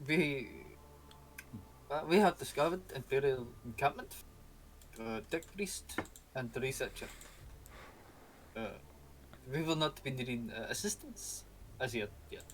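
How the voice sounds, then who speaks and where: A man's voice: medium pitch, expressive, a little hiss or hum, natural voice. A man doing a stiff German-accented soldier. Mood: formal. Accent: put-on German. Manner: halting, formal report with many pauses.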